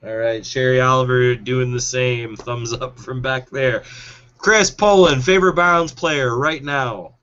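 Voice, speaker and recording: A man hosting a casual podcast, teasing his guests as he fires quick questions at them. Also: mid-range voice, a bit bright, highs cut off. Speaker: podcast host. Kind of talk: casual chat.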